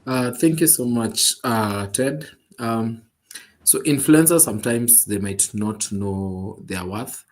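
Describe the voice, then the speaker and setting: A man's voice: medium pitch, expressive, slow. A man explaining his points as a panelist.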